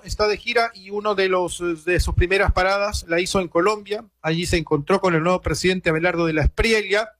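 A man's voice: high-pitched, fairly bright tone. A man hosting an early-morning radio news show, commenting conversationally with wry asides. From Venezuela. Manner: conversational, reads quotes aloud, adds wry asides.

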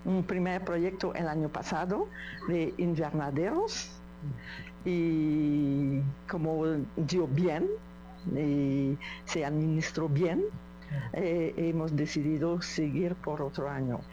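A woman's voice: sits low, takes it slowly, dark tone, lo-fi sound, faint music behind. A woman from an aid association answering interview questions, hesitant with many fillers.

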